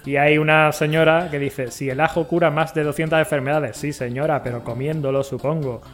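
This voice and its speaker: A man's voice: fairly high pitch, fairly even intonation, a little fast, over music. A man, co-hosting a podcast and making dry, wry remarks in casual chat. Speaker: podcast co-host.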